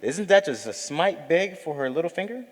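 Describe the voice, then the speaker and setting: An actor playing a sly manservant who teases his master with mock flattery in a comic audio drama. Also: on the high side, moderate pace, in a large hall. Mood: teasing. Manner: teasing, mock-flattering, playful. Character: cheeky, sly male manservant.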